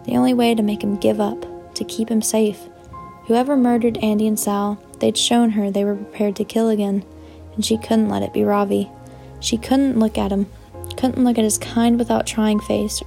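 A woman reading a novel aloud in measured, dramatic storytelling. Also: medium pitch, creaky, dark tone. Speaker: audiobook narrator. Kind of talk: scripted narration.

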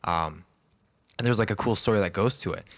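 A man's voice: low voice, brisk. A man hosting a podcast in casual chat, laid-back and slangy, swearing freely and using many fillers. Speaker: podcast host.

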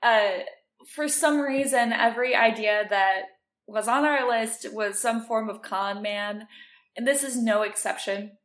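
Woman co-host, casual and chatty, laughs a lot; higher voice, roomy recording. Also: unhurried, a bit bright. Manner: chatty, laughs often, explains facts. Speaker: podcast co-host. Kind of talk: casual chat. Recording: roomy echo.

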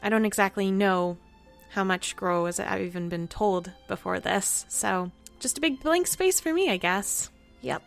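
A woman's voice: mid-range voice, expressive, unhurried, creaky. A woman talking casually in role-play as a player in a tabletop game. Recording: music playing behind the voice.

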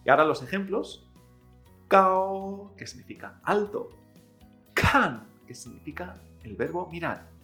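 A man's voice: on the high side, expressive, fairly quick, fairly bright tone, faint music behind. A man, a Chinese teacher, giving a pronunciation lesson, drawing out model syllables and checking in with "¿eh?". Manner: addresses the listener directly, prompting repetition.

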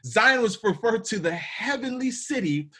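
A man with a high, husky voice leads a podcast Bible study. He teaches casually but with emphasis, using slang and often repeating words as he goes. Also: expressive, moderate pace, sharp tone.

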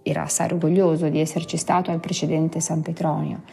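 A woman's voice: low voice, vocal fry, faint music behind. Woman reading a classic story aloud. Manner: measured, expressive storytelling. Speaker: reader. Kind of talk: literary audiobook reading.

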